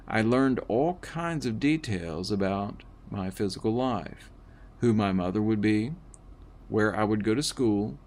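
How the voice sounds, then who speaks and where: A man reading a first-person book aloud in a measured way, with the odd slip and restart. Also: fairly low pitch. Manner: slow, measured reading with small slips and restarts. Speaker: audiobook reader.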